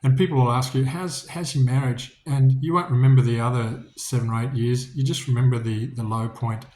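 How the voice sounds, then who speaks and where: A man's voice: medium pitch, fairly even intonation, fairly quick, a little mellow, roomy sound. A man giving a casual, reflective talk about faith and business, speaking informally and often restarting his sentences. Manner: informal, many restarts, storytelling.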